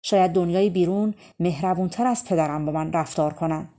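A woman voicing a kind young prince in a storybook, speaking gently and thoughtfully. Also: on the low side, close to an everyday voice. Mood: worried.

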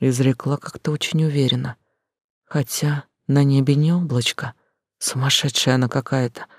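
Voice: mid-range voice, darkish tone, no room sound, studio quality. An audiobook reader telling a first-person dramatic story with emotional, urgent delivery. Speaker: audiobook narrator.

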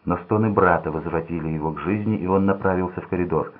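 A man narrating a thriller audiobook in a steady, measured reading voice. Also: low-pitched, husky. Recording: tinny phone-like sound.

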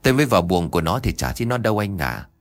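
A man's voice: sits low, sing-song, rapid-fire, faint music behind. A man voicing a worried middle-aged village mother in a spoken ghost story, pleading and tearful.

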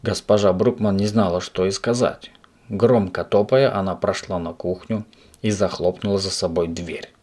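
A man reading a children's story aloud as narrator, in a lively, expressive way. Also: low-pitched, moderate pace. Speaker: audiobook reader.

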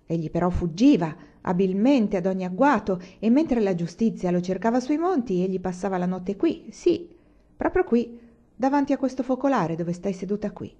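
A woman reading the part of a poor, proud widow of a bandit, who tells her story in a low, confiding tone. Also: animated, normal speed, mellow, lo-fi sound, lightly acted. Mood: brooding.

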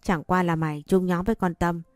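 A woman's voice: on the low side, steady tone, brisk, dry recording, clean studio sound, close to an everyday voice. A woman doing a fierce, scolding teenage girl. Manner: scolding and harsh.

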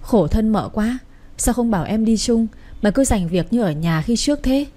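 A woman's voice: on the high side, animated, moderate pace, mellow. A woman voicing a tender young housemaid. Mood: sympathetic. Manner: sympathetic and fussing.

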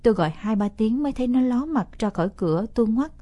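A woman reading a first-person story aloud as an audiobook narrator, steady and expressive. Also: on the high side, fast talker, no room sound, clean studio sound.

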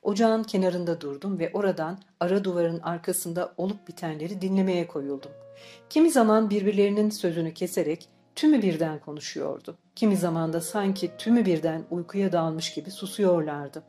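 A woman narrates an audiobook in a calm, measured storytelling voice. Her tone is mellow and somewhat low for a woman. Faint music plays underneath. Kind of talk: scripted narration.

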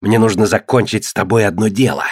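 A man's voice: on the low side, fast talker, slightly rough, dry recording, studio quality. A man reading the lines of a sly, cruel male mutineer in an audiobook, menacing and commanding.

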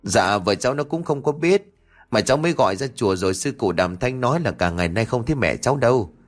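A man's voice: medium pitch, animated, fast talker, faint music behind, close to an everyday voice. A man voicing a worried young man asking an elder for help, in a storybook narration. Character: anxious young man looking for his mother.

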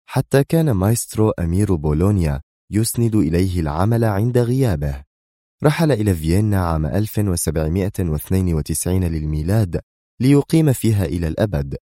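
Man, audiobook narrator, very low voice, dark mellow tone, steady measured reading, dry close mic. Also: no room sound. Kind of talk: scripted narration.

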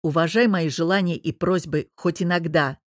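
In a clean, dry studio recording, a woman with a fairly low, everyday-sounding voice speaks at a moderate pace. She plays an angry, domineering, jealous young businessman husband, shouting in rage as she growls, barks, and hisses words through her teeth.

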